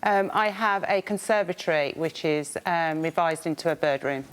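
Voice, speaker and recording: A woman's voice: sits low, normal speed, clear, resonant tone. A woman answering questions informally and plainly as a litigant on a television court show.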